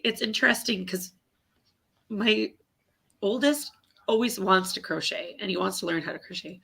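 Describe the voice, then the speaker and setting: A woman in her thirties talks through a casual video call chat, explaining things at length. Her voice is bright and edgy, with a gravelly fry and a husky grain. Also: mid-range voice. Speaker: crafter and mother.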